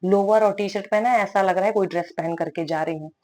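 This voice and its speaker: A woman's voice: medium pitch, fast talker, a little mellow. Young woman vlogger, chatty voice-over, keeps joking about herself, playful and teasing. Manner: playful, self-mocking, jokey asides.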